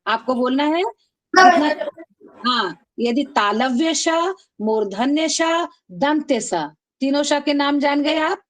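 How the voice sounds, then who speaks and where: High-voiced woman teaching an online class. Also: animated. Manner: calls students "beta", drills them call-and-response; chants rules slowly, syllable by syllable. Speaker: Sanskrit teacher.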